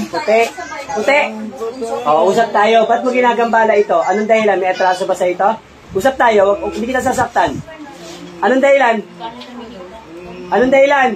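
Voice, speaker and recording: Insistent faith healer questioning a spirit. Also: male voice, extremely high pitch. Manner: insistent, repeating questions again and again. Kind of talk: healing and exorcism session. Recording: crowd noise behind. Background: crowd of onlookers.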